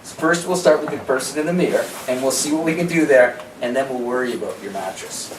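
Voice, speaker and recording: A man's voice: medium pitch, quick pace. A man presenting an informal health seminar in a conversational, opinionated way, with rhetorical questions and quoted asides. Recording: echoey room, distant mic, background noise.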